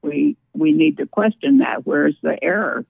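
A man with a creaky, slightly high voice speaks informally as a radio guest. He is heard through a narrow, tinny phone-like line with no room sound. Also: wildly swooping pitch, measured pace, no echo. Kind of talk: informal political talk.

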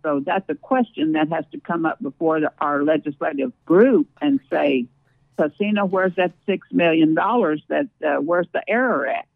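A man's voice: a little high, lively intonation, moderate pace, vocal fry, no room sound. A man talking informally about official business as a radio guest, heard over a thin phone-like line. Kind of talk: informal political talk.

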